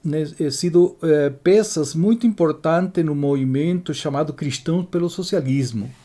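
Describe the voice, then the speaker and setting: A man in his sixties from Chile, telling his life story as an interview guest in a measured way, often adding tag questions. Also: fairly high pitch, mellow. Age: 60s.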